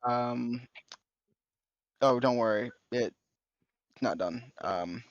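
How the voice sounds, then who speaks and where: A man playing a tabletop game over a voice call, halting with many pauses as he tallies his damage. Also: dry recording, dull audio. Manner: halting, lots of ums, slow and low when tallying. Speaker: player. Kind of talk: casual tabletop play.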